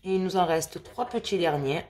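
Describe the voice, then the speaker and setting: A woman hosting a scratch-card video, chatting slowly and addressing her viewers as friends while she checks numbers and letters. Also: fairly low pitch, expressive, darkish tone. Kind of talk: casual play-by-play commentary.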